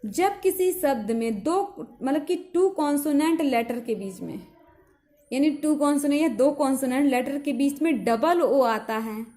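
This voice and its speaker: A woman teaching English pronunciation in Hindi, spelling out letters slowly and asking rhetorical questions. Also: high voice. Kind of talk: explaining lesson in Hindi with English words.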